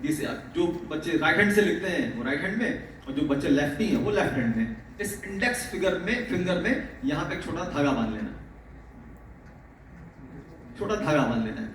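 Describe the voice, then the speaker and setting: A male teacher gives students a motivational talk in a fatherly way, calling them "beta" and laughing often. His fairly high voice swings widely in pitch at a slightly fast pace, picked up by a distant mic in a very echoey space with faint noise.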